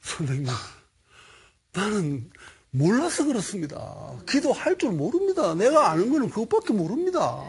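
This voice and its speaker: A man's voice: high voice, huge pitch swings, normal speed, voice pushed up, exaggerated voice. A man voicing an illiterate, simple shepherd who speaks earnestly and humbly. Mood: pleading. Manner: earnest, pleading, rustic plain speech.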